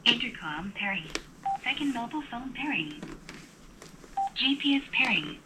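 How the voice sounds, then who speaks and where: A woman's voice: fairly high pitch, normal speed. Female helmet intercom prompt voice. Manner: flat, clipped system announcements. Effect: helmet intercom prompt voice, heard through the headset speaker. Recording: faint, noisy speaker audio picked up from off mic.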